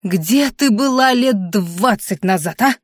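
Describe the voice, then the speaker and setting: Brief: woman voicing nosy exclaiming old grandmother, audiobook, mid pitch, dry. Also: animated, slow pace, no room sound. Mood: excited. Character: lively meddling old grandmother, loud and excitable.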